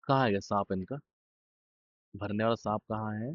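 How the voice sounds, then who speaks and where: A man's voice: lowish voice, steady tone, normal speed, dry recording, muffled recording. A man teaching chemistry in an informal exam-revision lesson. He talks straight to students, repeats key terms and drops blunt, joking asides.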